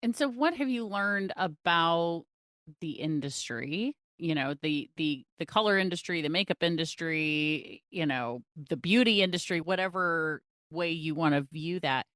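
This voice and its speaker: A woman's voice: low voice, animated, unhurried, a bit bright, no echo, clean studio sound. A woman hosting an interview, enthusiastic and asking long, rambling questions. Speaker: podcast host. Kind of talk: interview conversation.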